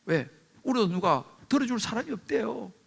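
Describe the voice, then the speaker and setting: A man's voice: high voice, very animated, normal speed, vocal fry, a bit bright, breathy edge. A middle-aged male pastor preaching a sermon with emphatic rhetorical questions, calling on the congregation for amens.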